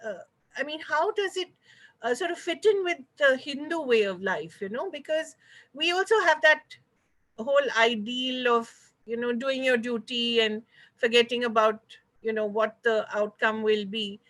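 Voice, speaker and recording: A woman with an Indian accent hosts a talk over a video call. Her voice is high and bright. She speaks politely and conversationally, feeling her way through long, hesitant questions. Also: normal speed. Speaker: host of an online talk show.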